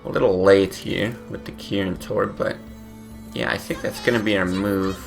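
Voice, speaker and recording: Casting: drowsy male game streamer, very low gravelly voice, laid-back rambling commentary, soft music behind. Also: steady tone, normal speed. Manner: laid-back, thinking aloud with many fillers. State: sleepy, morning voice. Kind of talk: casual gameplay commentary.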